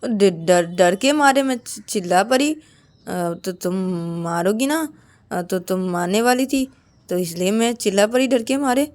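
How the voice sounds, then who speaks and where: A woman's voice: mid-range voice, animated, measured pace, a little mellow, lightly acted. A woman doing a stammering, timid young woman. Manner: stammering, whiny, pleading.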